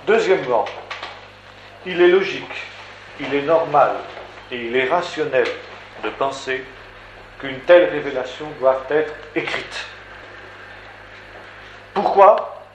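A man's voice: on the high side, takes it slowly, long pauses. Emphatic French-speaking male preacher, echoey room. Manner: emphatic, rhetorical, builds with repeated phrases. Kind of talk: sermon teaching. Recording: echoey room with faint background noise.

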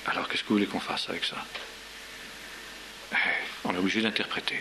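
A man's voice: deep voice, fairly even intonation, a little fast. A man giving an informal spoken lecture, hesitant, with many fillers, repeated words and tag questions. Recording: faint hiss.

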